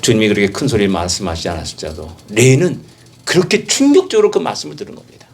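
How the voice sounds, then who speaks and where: A male pastor preaching a sermon, emphatic, with rhetorical questions and repeated phrases, swinging from soft passages to loud exhortation. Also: fairly low pitch, huge pitch swings, rapid-fire, breathy edge.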